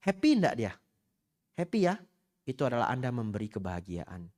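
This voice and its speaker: A man's voice: mid-range voice, wildly swooping pitch, moderate pace, darkish tone. A middle-aged man, a Buddhist monk, giving a humorous Dhamma talk to a congregation, asking them questions and mixing in Hokkien phrases. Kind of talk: sermon. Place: temple hall before a congregation.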